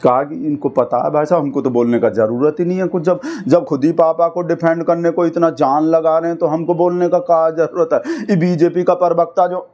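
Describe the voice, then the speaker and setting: A man's voice: a little high, steady tone, brisk, hardly any pauses, darkish tone, lo-fi sound. A man giving comic, mocking commentary on news clips, chatty and full of asides. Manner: mocking, chatty, repeats "bhai sahab". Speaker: satirical commentator.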